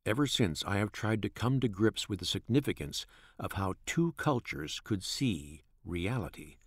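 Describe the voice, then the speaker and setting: Deep-voiced man reading a memoir. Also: lively intonation, dry recording. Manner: measured, reflective. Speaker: narrator. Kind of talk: first-person memoir narration.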